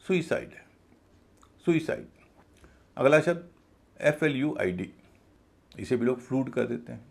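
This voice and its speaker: A man's voice: mid-range voice, vocal fry. A man teaching English pronunciation in a video lesson, spelling words out letter by letter and then repeating the correct form.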